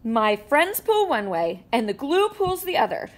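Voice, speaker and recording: A woman gives an unhurried, expressive read-aloud of a children's picture book, her higher voice leaping and dipping with each line. She playfully acts out the sound effects in animated storytelling, recorded indoors at a table.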